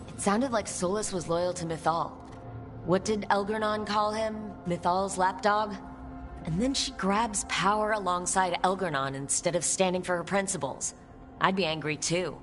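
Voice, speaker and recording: A woman's voice: medium pitch, steady tone, moderate pace, faint music behind, natural voice. An actress playing a practical female adventurer leading her team in a video game. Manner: practical, direct. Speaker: player character and team leader.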